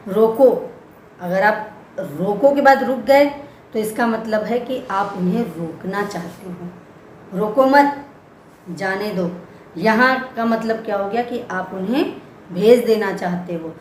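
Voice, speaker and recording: A woman's voice: mid-range voice, a little slow. A woman teaching a grammar lesson for children, patiently repeating example words one at a time. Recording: echoey room with faint background noise.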